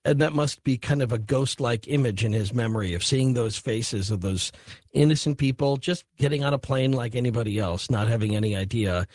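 A man's voice: medium pitch, brisk, a little mellow. A man hosting a late-night call-in radio show, talking in a meandering way with many fillers and restarts. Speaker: radio talk show host.

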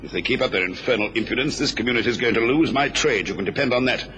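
An actor playing an irascible upper-class gentleman in an old radio drama, haughty and indignant, on a noisy recording. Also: medium pitch, very fast, lightly acted. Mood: grumbling, indignant.

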